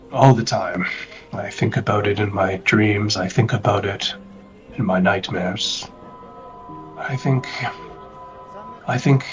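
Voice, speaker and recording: A man voicing a gentle, earnest male adventurer in a tabletop role-play, speaking reflectively. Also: fairly low pitch, recorded from a distance, close to an everyday voice, low-quality recording.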